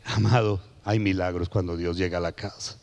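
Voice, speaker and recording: A middle-aged man preaching a sermon as guest pastor, telling stories with shouted peaks and hushed drops. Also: low voice, fairly even intonation, normal speed, slight background noise. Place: church sanctuary. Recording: long hall reverb of a church.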